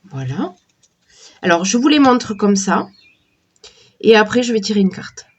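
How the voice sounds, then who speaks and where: A woman with a cold and a sore throat, slowly and hesitantly chatting while showing a deck of oracle cards. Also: medium pitch, animated, slight background noise. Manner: slow, hesitant, many fillers and restarts. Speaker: tarot and oracle card reviewer. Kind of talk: casual unboxing chat.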